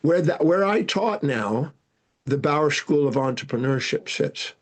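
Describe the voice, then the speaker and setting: An older man, a guest speaker and educator, telling animated stories from his life in an interview, with frequent restarts. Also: a little high, unhurried. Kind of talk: storytelling interview answers.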